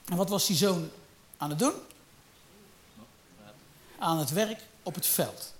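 A man delivers a sermon with a fairly high voice. He rises into loud, fervent bursts, then drops to hushed, low storytelling. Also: takes it slowly. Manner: animated, rising to loud emphatic peaks then dropping low and quiet. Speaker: preacher.

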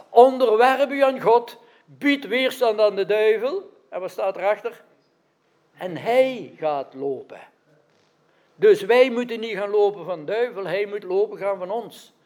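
In this interactive sermon, a male preacher speaks in a high-pitched, slightly mellow voice. He often poses questions to the congregation and makes sure they're keeping up, regularly adding "right?"

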